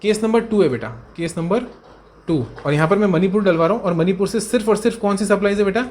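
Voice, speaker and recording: A man tutoring accountancy students in a brisk revision lecture. He repeats key points and answers his own questions in a student's voice. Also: high voice, a little mellow. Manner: fond, coaxing tone toward students.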